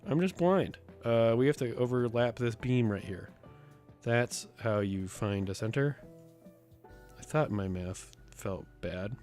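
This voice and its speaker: A man streaming live with a sick, rough voice. He chats casually and thinks aloud as he builds a map, often counting under his breath. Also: mid-range voice, lively intonation, unhurried, darkish tone, faint music behind. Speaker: streamer and host.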